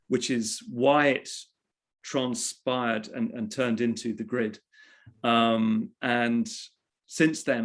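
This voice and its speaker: A man's voice: mid-range voice, creaky. A man, a journalist being interviewed, telling a personal story in a reflective way and often restarting his phrases. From England. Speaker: interview guest, journalist and author. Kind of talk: conversational storytelling.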